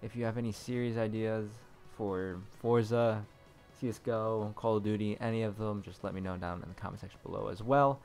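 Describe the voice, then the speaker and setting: A man's voice: lowish voice, fairly even intonation, brisk, hardly any pauses, darkish tone, faint music behind. A man talking casually to viewers as a gaming video creator. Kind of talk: casual video intro talk.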